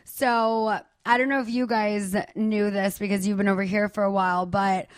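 A woman's voice: mid-range voice, level tone, moderate pace, no room sound. A woman hosting a podcast, telling a rambling story in casual chat. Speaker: podcast host.

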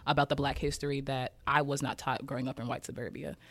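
An American poet and musician in his early twenties, from Kansas City, talks candidly and casually as an interview guest, swearing freely. His medium-pitched, fairly bright voice comes out fast and flat, with no echo.

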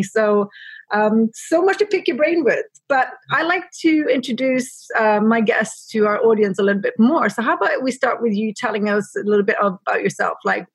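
A woman hosts a podcast interview over a remote call, feeling her way through questions with frequent fillers and restarts. Her voice is a little husky. The sound is dry and close. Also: on the high side, no echo. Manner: hesitant, many fillers and restarts. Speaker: podcast host. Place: in Edinburgh.

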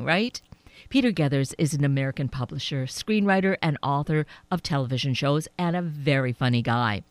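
Female radio host with a low voice and a dry, close sound, enthusiastic. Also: a little mellow, no echo. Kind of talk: radio interview with an author.

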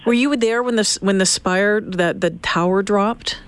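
Radio interviewer, clear smooth voice, dry sound, solemn and sympathetic, keeps restarting questions. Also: mid-range voice, normal speed, no echo. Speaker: radio host interviewing a witness.

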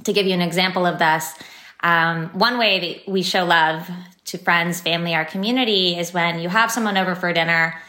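On a podcast, a San Francisco founder in her thirties shares her story, chatty and upbeat with many filler words. Her low-leaning voice is pushed and bright, fairly even in intonation, at a moderate pace. The recording sounds echoey.

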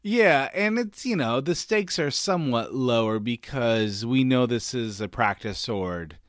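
A man's voice: medium pitch, animated, a little slow, fairly bright tone, dry recording, studio quality. A man hosting a book podcast in a casual, chatty way, reading passages aloud and laughing easily. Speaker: podcast host.

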